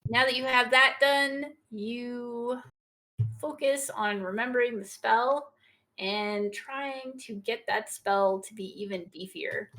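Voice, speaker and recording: A woman runs a tabletop game as game master, speaking slowly and deliberately. Her voice sits a little high. She narrates in a playful, encouraging way. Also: pushed and bright.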